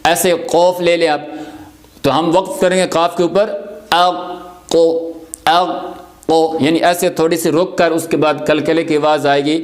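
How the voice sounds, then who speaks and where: A man teaching Quran recitation rules, explaining patiently and repeating each example slowly. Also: on the high side, steady tone. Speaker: tajweed teacher.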